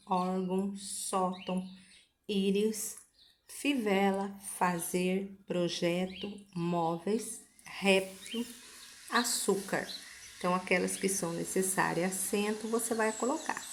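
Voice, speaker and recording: Slow, patient woman teacher. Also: medium pitch, slight background noise. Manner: slow, patient, reads exercises word by word. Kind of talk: reading a school lesson aloud.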